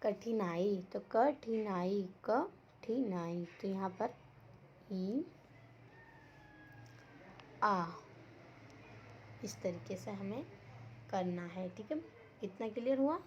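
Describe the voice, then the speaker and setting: A woman's voice: mid-range voice, moderate pace, dark tone. A woman teacher giving an online class lesson for young children, talking patiently, repeating words and asking the class questions. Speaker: school teacher. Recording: dull lo-fi audio with faint noise.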